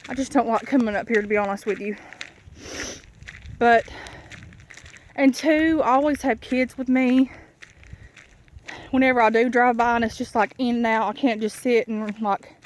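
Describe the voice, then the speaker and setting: A woman chatting casually and candidly in a rambling, folksy way while recording a walking vlog on a country dirt road. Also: on the high side. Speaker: vlogger. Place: outdoors on a rural dirt road. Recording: noisy outdoor country recording. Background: clear outdoor noise.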